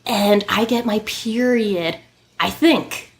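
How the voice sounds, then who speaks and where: A woman hosting a podcast and telling stories in casual chat, animated and quick to laugh. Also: mid-range voice, slight background noise. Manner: animated storyteller, laughs often. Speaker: podcast host and model.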